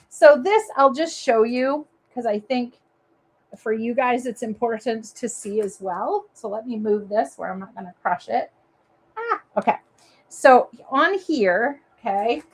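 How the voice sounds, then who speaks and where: Chatty crafting host from Maine. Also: female voice, fairly high pitch, unhurried. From Maine, USA. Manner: chatty, rambling, talks to viewers as she works. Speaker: papercraft show host. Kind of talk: live crafting demo chat.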